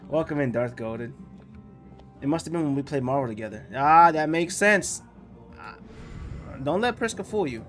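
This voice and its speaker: A man's voice: fairly high pitch, lively intonation, normal speed, pauses often, fairly bright tone, faint music behind. A man streaming a video game, joking with chat and reading lines along, sick with a cold. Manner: jokey, chats with viewers, voices characters mockingly. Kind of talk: casual let's-play commentary.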